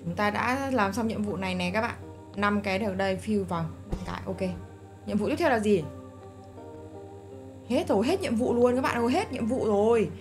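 A woman's voice: medium pitch, animated, moderate pace. A woman co-hosting a let's-play, chatting to viewers and calling out what to do next. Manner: chatty, addresses viewers, gives directions. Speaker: gaming co-host. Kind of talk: casual let's-play commentary. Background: game music.

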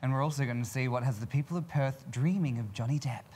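A man's voice: mid-range voice, fast, darkish tone, husky. A man presenting as a campy drag queen hostess, with arch, theatrical, scripted comic delivery. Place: TV studio set.

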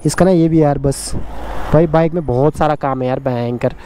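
A man's voice: on the high side, moderate pace, background noise. A young man vlogging casually from his motorbike, talking loosely through a helmet-mounted mic. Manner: chatty, loose, says yaar often. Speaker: motovlogger. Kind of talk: casual vlog chat. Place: outdoors on a motorbike in a hill town. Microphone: helmet-mounted camera mic.

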